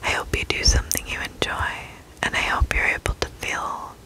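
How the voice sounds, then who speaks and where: A young adult woman gives a reassuring ASMR pep talk in a soft, breathy whisper, close to a desk microphone in a bedroom. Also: low-quality recording. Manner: slow, reassuring, gentle encouragement. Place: bedroom, indoors.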